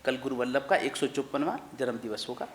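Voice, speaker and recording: In a large temple hall with long, echoing reverb, a Jain monk addresses his congregation as if they were family. His mid-range voice moves a little fast, fervent and repetitive, over slight background noise.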